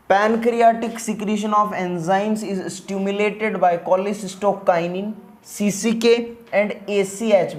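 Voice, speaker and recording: Slow, chummy male teacher. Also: high-pitched, darkish tone. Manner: familiar, addresses the student as a buddy, checks in with "yes or no". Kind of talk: casual lecture.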